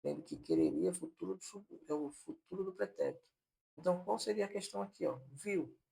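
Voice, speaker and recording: Male grammar teacher, fairly high voice with a husky edge, patient repeat-it-back explaining. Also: wildly swooping pitch, fairly quick, dark tone. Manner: explanatory, repeats points on purpose to fix them. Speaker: Portuguese teacher. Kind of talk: online exam-prep lesson.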